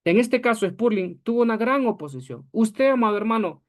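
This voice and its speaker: A man's voice: high-pitched, expressive, a little fast. A male pastor teaching church history to his congregation in an earnest way, often calling the listeners beloved brethren. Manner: earnest, addresses listeners as beloved brethren, acts out quoted voices.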